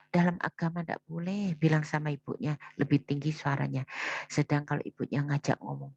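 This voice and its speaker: Gravelly mother scolding and lamenting. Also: lowish voice, a little mellow, dry recording. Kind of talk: emotional spoken recollection addressed to her child. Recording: dull, dry, lo-fi recording.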